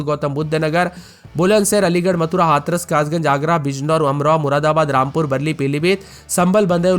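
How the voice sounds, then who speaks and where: A man presenting a rapid-fire weather news update, reeling off items in list-like runs and addressing listeners as friends. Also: a little high. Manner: reels off long runs of items in a list-like, repetitive delivery.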